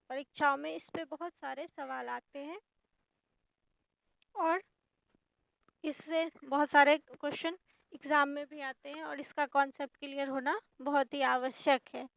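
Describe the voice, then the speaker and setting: A woman with a high, gravelly voice teaches a grammar lesson at an unhurried pace. She explains each point patiently and stresses what matters for exams. The sound is dry and close. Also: fairly even intonation, fairly bright tone, no room sound, poor audio. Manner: patient, explains step by step and stresses exam importance. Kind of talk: exam-prep grammar lesson.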